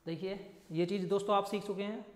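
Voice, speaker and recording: A man's voice: high-pitched, steady tone, a little fast. A young man teaching exam math, repeating himself and often calling the viewers friends and brother. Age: young adult. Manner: repetitive, keeps addressing viewers as friends and brother. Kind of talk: explaining math at a board. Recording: echoey room with long reverb.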